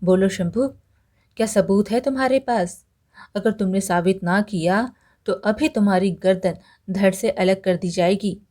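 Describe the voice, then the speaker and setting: A woman's voice: mid-range voice, unhurried, darkish tone, natural voice. Woman doing a stern village headman. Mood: threatening. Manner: angry, commanding. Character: stern older male village headman, quick-tempered.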